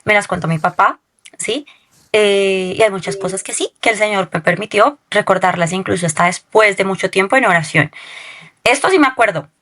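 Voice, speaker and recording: A woman's voice: mid-range voice, normal speed, a bit bright. Woman telling a personal testimony. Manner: storytelling that keeps checking in with a questioning tag. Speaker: guest sharing a testimony.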